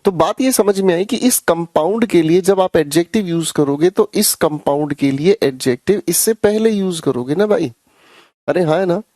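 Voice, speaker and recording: A man's voice: sits high, normal speed, darkish tone, no echo, clean studio sound. A man teaching English grammar in a live online class, chatty and teasing, calling his students son and brother. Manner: chatty, teasing, addresses students as beta and bhai.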